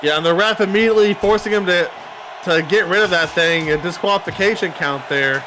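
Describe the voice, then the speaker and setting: A man's voice: high-pitched, fairly quick, background noise. A man calling wrestling play-by-play, counting pinfalls aloud and dropping chatty news asides. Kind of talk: play-by-play commentary.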